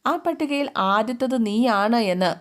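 A woman's voice: fairly high pitch, lively intonation, moderate pace. Woman chattily retelling a serial. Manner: chatty, acts out lines with a soft emotional lilt. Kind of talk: casual spoken story recap.

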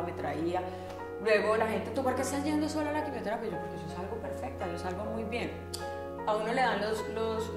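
A woman in her thirties shares a personal story as a talk-show guest, earnest and animated, often restarting and acting out what others said. Her voice sits at an ordinary pitch for a woman. The sound is roomy, with music running beneath it. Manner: earnest, animated, with frequent restarts and acted-out quotes. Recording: roomy studio with music underneath.

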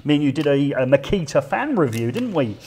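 A man's voice: on the high side, big pitch swings, brisk, a little mellow, a little hiss or hum. A middle-aged man co-hosting a tool review, joking and rambling in casual banter while working. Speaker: co-host of tool review channel.

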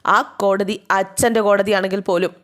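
A woman's voice: mid-range voice, level tone, normal speed, a bit bright, lightly acted. A woman voicing a defiant young woman who issues a stern warning.

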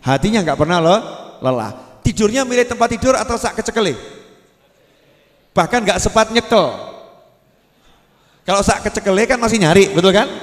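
A man preaching a sermon at a religious gathering, playfully quizzing his audience. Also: high voice. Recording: echoey hall.

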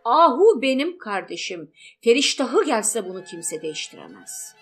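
A woman's voice: fairly high pitch, very animated, moderate pace, soft background music. Woman reading a protective older brother. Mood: firm. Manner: firm, protective, teasing. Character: protective loving older brother, adult man.

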